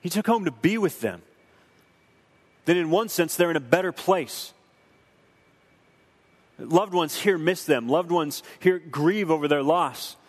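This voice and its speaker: A man's voice: fairly high pitch, lively intonation, measured pace, pauses often. Earnest young man in a reverberant hall. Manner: earnest, preacherly, emotional. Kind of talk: reflective film commentary.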